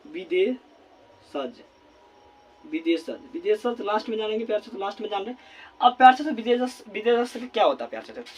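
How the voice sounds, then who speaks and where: A male teacher giving a classroom grammar lesson at a board, repeating words slowly as he writes and asking questions he then answers himself. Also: high voice, a little hiss or hum. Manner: repeats words slowly while writing, constant filler phrase.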